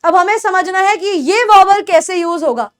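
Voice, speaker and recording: A young Indian woman teaching beginners English pronunciation, a Hindi speaker who says example words over and over and checks that students follow. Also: very high voice. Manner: patient, repeats example words slowly and checks understanding.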